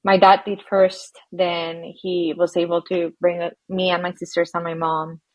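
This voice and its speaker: Female guest from Colombia, husky breathy tone, reflective and halting. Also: on the low side, level tone, lo-fi sound. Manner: reflective, halting, laughs softly between phrases. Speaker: guest, psychologist. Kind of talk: casual interview conversation.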